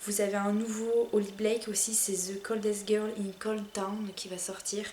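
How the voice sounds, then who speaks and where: A French woman with a low, soft voice, chatting casually about her monthly reading list, hesitant, with many fillers and restarts. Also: level tone, moderate pace, echoey room, slight background noise. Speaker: book vlogger.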